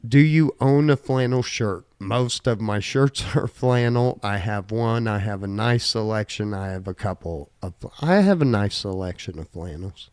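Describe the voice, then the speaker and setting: Casual podcast host: a man with a slight Southern twang, laid-back, reading quiz questions, pitched a bit low, dry sound. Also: animated, unhurried, hardly any pauses, darkish tone, smooth, no echo.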